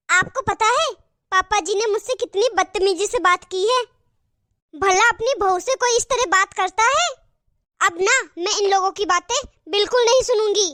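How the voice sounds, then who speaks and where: A woman's voice: very high voice, bright, forceful tone. A woman voicing a defiant young daughter-in-law. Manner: sulky, defiant. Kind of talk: cartoon voice acting.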